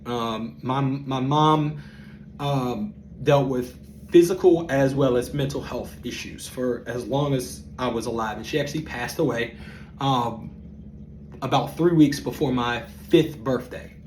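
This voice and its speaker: A man in his thirties hosting a podcast, telling a personal story in a reflective, halting way with frequent ums. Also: medium pitch, darkish tone, slight background noise, rough recording. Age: 30s. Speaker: podcast host.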